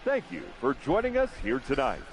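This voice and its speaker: A man voicing a formal ballpark announcer in a video game, heard through a stadium loudspeaker and drawing out each name in a sing-song way. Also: sits high, huge pitch swings, normal speed, vocal fry, heavily acted. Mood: ceremonial. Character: formal male stadium announcer, booming and ceremonial. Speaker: ballpark public address announcer. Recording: echoing stadium PA over crowd noise.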